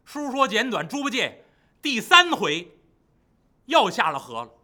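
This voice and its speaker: A man performing a traditional storytelling piece, talking to the audience in an animated way. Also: extremely high pitch, unhurried. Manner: lively, animated, addresses the audience.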